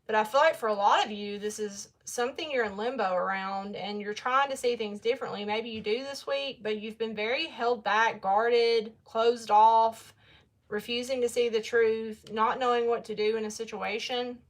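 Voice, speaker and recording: A woman's voice: on the high side, fairly even intonation, normal speed. A young woman giving a casual tarot reading, chatty and blunt, talking straight to her viewers. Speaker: tarot reader.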